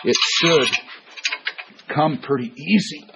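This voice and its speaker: A man's voice: fairly high pitch, slow, creaky, heavy background noise. A man in casual shop talk, giving plain practical advice while working on a machine. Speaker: co-worker in the shop. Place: workshop.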